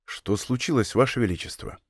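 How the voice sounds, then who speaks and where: A man reading a bold, calm musketeer captain in an audiobook, speaking with dry irony. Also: medium pitch, brisk, vocal fry, slightly rough, no echo, pitched below the performer's own voice.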